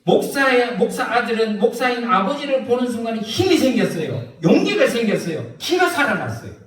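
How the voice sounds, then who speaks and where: A man preaching a sermon as a pastor, telling a story with lively rhetorical questions. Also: very high voice, fairly quick, echoey room, recorded from a distance.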